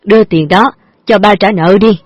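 A woman's voice: medium pitch, normal speed, no room sound, dull audio, lightly acted. A woman doing a scheming gambler father. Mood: pleading.

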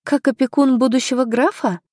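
A woman's voice: sits high, steady tone, a little fast, a little mellow, dry recording, clean studio sound, voice pushed up. A woman voicing a determined young noblewoman. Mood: earnest. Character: young noblewoman heroine, twenty, determined and polite.

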